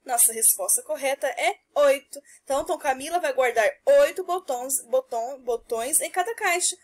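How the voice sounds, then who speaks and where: A woman teacher with a high voice goes over homework answers for young children. She talks in a patient, explaining way and draws out each answer word slowly and clearly. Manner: slow, clear, drawn-out answers. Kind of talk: recorded homework correction for children.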